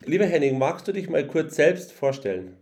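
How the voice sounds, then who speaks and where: A man hosting his own podcast, relaxed and joking as he talks with his guest. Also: a little high, moderate pace. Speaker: podcast host.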